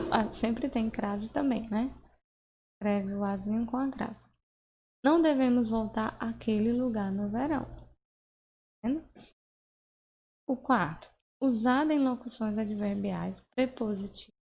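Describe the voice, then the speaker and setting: This woman's voice is fairly high in pitch and dark in tone, with a faint hiss or hum behind it. As a Portuguese teacher giving a grammar lesson, she explains things patiently in steps and keeps checking on the listener with tag questions.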